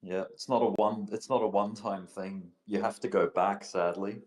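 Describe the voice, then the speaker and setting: A man's voice: lowish voice, steady tone, normal speed, a little mellow. A man chatting casually from his bathroom, joking and laughing often, with strong bathroom reverb on his voice. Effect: echoey bathroom reverb. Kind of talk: casual chat. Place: bathroom at home. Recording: echoey bathroom, voice off from the mic.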